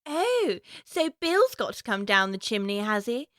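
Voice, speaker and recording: A woman's voice: medium pitch, big pitch swings, a little slow, fairly bright tone, no room sound, studio quality. An actress playing Alice, a curious, plucky young girl who thinks aloud earnestly to herself. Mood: musing.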